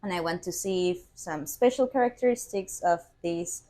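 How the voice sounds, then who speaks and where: Earnest young woman, fairly low voice. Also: moderate pace, mellow. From Venezuela. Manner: earnest, laughs often, searches for words. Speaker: podcast guest, PhD student. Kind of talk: casual interview chat.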